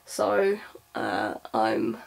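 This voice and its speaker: A woman's voice: extremely low pitch, sing-song, very slow, a little mellow. A woman presenting an informal craft demonstration, thinking aloud as she goes. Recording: clear background noise, clicks.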